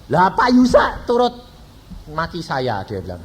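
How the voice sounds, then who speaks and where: Male evangelist with a high, animated voice, blunt and questioning the congregation. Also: measured pace, noisy background. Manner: blunt, peppers talk with rhetorical questions to the audience. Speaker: evangelist preacher. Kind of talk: sermon to a congregation.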